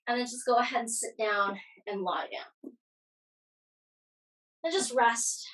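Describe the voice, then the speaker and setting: A woman with a fairly high voice leads a yoga class in a casual, conversational way. She gives encouraging, reassuring cues as an instructor, and she sounds a little way off from the microphone. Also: fairly even intonation, unhurried, fairly bright tone, distant mic, rough recording.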